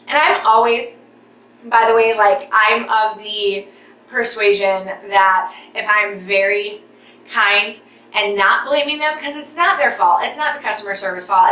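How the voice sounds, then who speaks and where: Animated young woman venting in echoey room. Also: fairly high pitch, recorded from a distance. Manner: talks with her hands, getting worked up and out of breath. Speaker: vlogger. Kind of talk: animated storytime vlog. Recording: echoey room, voice a bit off-mic.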